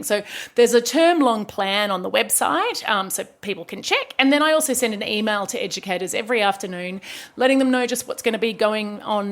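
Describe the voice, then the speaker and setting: A woman with a slightly high voice explains a school literacy program step by step on a podcast. She talks clearly and methodically, dropping in light laughs between points. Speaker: education director of a kids' news service.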